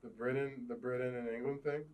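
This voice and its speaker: A man hosting a casual chat, joking loudly and swearing between laughs. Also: mid-range voice, little pitch movement, fairly quick. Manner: loud, laughing, profane banter. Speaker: podcast host.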